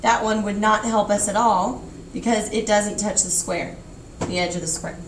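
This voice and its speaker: A woman's voice: medium pitch, steady tone, moderate pace, background noise. A woman teaching a geometry class, explaining patiently, repeating key points and checking in with her students. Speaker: math teacher.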